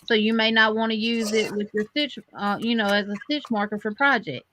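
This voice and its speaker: On a livestream crochet show, this co-host talks in a chatty, down-to-earth manner loaded with fillers. Her voice is on the high side and fairly bright, and she speaks a little fast. A little hiss or hum is audible.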